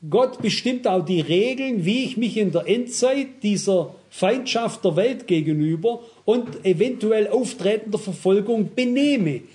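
A man with a high-pitched voice delivers a sermon to a congregation. He reasons carefully through examples and reads Bible passages aloud. He keeps turning to his listeners with "wisst ihr?". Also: expressive, a little mellow. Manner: measured, cautious reasoning with examples. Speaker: preacher.

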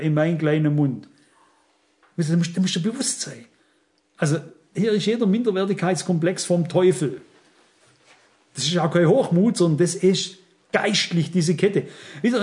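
A man's voice: high voice, dark tone. A middle-aged man preaching a sermon, earnest and emphatic, speaking straight to his listeners.

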